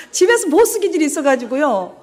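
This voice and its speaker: A woman's voice: high-pitched, a little mellow. A woman pastor delivering an emphatic sermon in a church, telling stories and laughing now and then. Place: church sanctuary.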